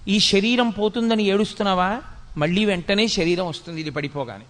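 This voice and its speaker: A man giving a spiritual discourse, chanting verses slowly and scolding in rapid rhetorical questions. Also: high voice, fairly bright tone. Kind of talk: Telugu religious discourse. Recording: long hall reverb.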